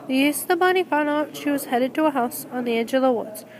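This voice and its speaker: High-voiced woman reading a story. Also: brisk, poor audio. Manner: earnest reading with small slips and restarts. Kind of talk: reading a homemade story aloud.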